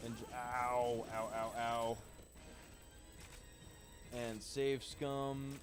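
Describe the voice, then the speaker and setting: Playing a shooter game, a man delivers casual let's-play commentary, cursing freely and chatting loosely with his viewers. He speaks extremely slowly at a medium pitch with little pitch movement, with music playing underneath.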